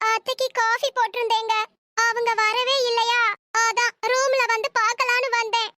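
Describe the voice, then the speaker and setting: A woman plays a sly young cartoon wife with a very high, piercing voice and a bright, sharp edge. She wails and whines in an over-the-top, dramatic way. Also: little pitch movement, moderate pace. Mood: whiny. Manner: whiny, dramatic wailing. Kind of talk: comic cartoon dub.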